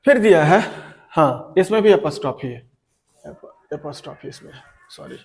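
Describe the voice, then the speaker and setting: A man teaching an exam-prep lecture, reading each question slowly and then explaining it again and again. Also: on the high side, lively intonation. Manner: reads questions aloud slowly, then explains at length with many repetitions.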